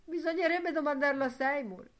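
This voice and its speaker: A woman's voice: high voice, brisk, pitched above the performer's own voice, natural voice. A woman reading an audiobook voices a chatty young man trading gossip. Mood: gossipy.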